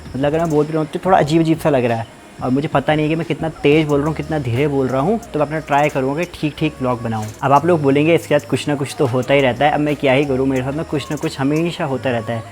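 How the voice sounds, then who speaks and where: A man's voice: on the high side, steady tone, fast talker, darkish tone. A young man from Uttarakhand hosting a casual vlog, chatty and rambling, feverish with a blocked ear. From Uttarakhand, India. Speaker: vlogger host.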